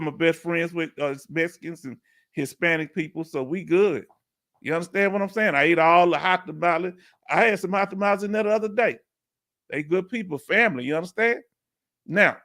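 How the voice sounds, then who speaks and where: A man's voice: a little high, fairly bright tone. A middle-aged man with a Houston, Texas accent, hosting a casual live Q&A stream in a laid-back, chatty way and laughing often. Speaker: livestream host.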